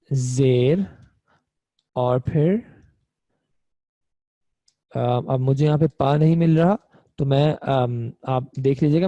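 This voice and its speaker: A man gives an online grammar lesson in a mellow, fairly high voice. He explains step by step and keeps checking that his students follow. He is recorded close and dry. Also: dry recording. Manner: patient, checks understanding often. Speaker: online Arabic grammar teacher.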